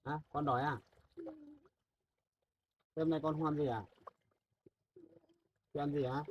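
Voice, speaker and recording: A man talking gently and in a fatherly way, coaxing children outdoors by a mountain stream. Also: a little high, fairly even intonation, unhurried. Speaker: vlogger. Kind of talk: casual vlog talk. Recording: dull lo-fi sound with faint noise.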